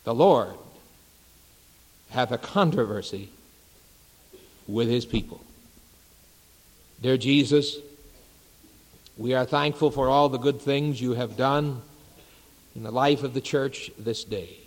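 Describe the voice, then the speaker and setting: A male pastor preaching and praying in a church sanctuary, measured and unhurried, with reverent pauses. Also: medium pitch. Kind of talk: sermon. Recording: long reverb of a large sanctuary.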